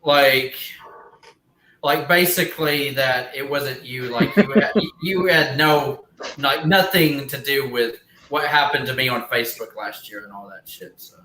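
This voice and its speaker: A man's voice: medium pitch, measured pace, pushed and bright, echoey room, rough recording. A man co-hosting a live stream, chatting casually in a rambling way, with lots of fillers and casual swearing. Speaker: stream co-host.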